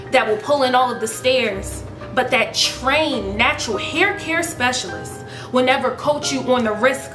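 A woman in her thirties who runs a hair vlog delivers sassy spoken word with a steady rhythm and plenty of rhetorical questions. She sits on a sofa at home, facing a camera that frames her head and shoulders. Her fairly high voice carries an echoey room sound.

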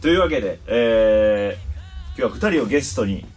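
A man's voice: fairly low pitch, animated, moderate pace, darkish tone, husky, soft background music. A man, a staff member, stepping in as emcee with a hyped, showy delivery. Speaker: stand-in host, staff member. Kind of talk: casual chat.

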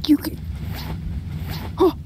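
High-pitched excitable woman gamer. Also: background noise. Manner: excitable, squealing, giggly. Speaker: gaming channel co-host. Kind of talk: casual gaming chatter.

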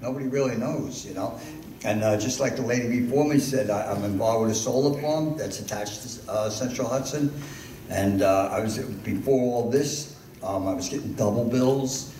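A man in his sixties at a public hearing, speaking haltingly with many fillers at a podium mic. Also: medium pitch, mellow. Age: 60s. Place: large hall. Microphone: podium mic on a stand. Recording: echoey hall from far off, noisy.

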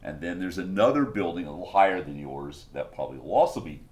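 A man's voice: low-pitched, expressive, fast talker, a little mellow. A man narrating as game master of a tabletop game, describing scenes playfully.

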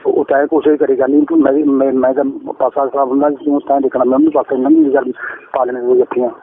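A middle-aged man with an Indian Punjabi accent, the caller and a father-in-law, talks privately over a noisy recorded phone line. His mid-range voice is gravelly and husky, and he speaks fast and animatedly, rambling and insistently repeating himself.

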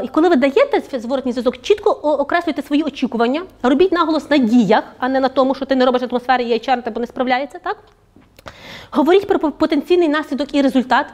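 A woman speaker giving a lively conversational lecture at a workshop, often checking in with her audience through tag questions. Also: sits high. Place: office event room.

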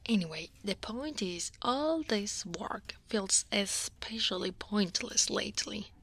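An Italian woman plays a weary, easily flustered dragon who is a senior at an office in an ASMR roleplay. Her medium-pitched voice is soft, breathy, slow and expressive, often half-whispered and hesitant, with a grumbling, tired mood. The acting is heavy and the recording is dry.

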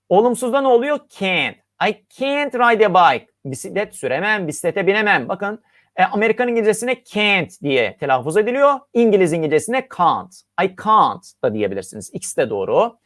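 A teacher from Turkey gives a recorded English lesson, with a pitch that leaps up and down a lot. Each example phrase is read out, drawn out slowly, then translated. The sound is close and dry, with no room echo. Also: a bit bright.

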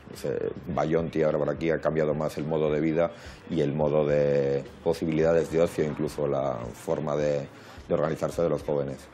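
A man speaking thoughtfully and deliberately in an interview. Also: rumbling low, mellow, a little hiss or hum. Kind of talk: reflective interview talk.

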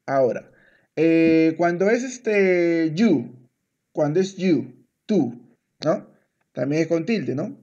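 A man's voice: a little high, dark tone, dull audio. A man teaching Spanish one-on-one. He talks patiently, repeats words, and switches to English to explain. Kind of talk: one-on-one language lesson.

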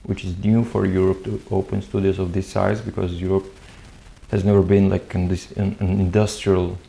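Gravelly male interview host. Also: deep voice, level tone, normal speed, warm tone. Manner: inquisitive, repeats words when searching. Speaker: podcast host. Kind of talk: casual interview chat.

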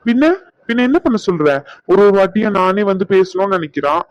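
A man's voice: sits high, animated, a little fast, no echo. A man doing an exasperated young husband. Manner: pleading, exasperated, complaining. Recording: dull lo-fi.

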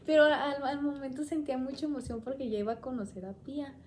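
A woman's voice: sits high, fairly even intonation, fast, darkish tone, a little hiss or hum. A young woman, chatting and rambling as she tells a personal story on her vlog. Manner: chatty, rambling, quoting herself often. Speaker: vlogger.

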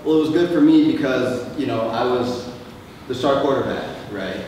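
A man speaking quickly and reflectively at a panel discussion. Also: medium pitch, animated, a little mellow, a little hiss or hum. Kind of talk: reflective public talk. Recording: echoey hall from far off.

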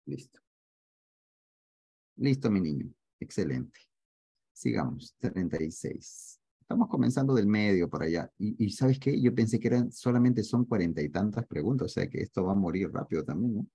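A deep, gravelly man teaches math over a video call, his speech swinging up and down as he jokes with his students and keeps checking that they follow. The sound is dry, close and a little husky. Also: expressive, moderate pace, dark tone, no echo. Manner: joking, teasing, asks students to confirm often. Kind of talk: online class, solving problems with students.

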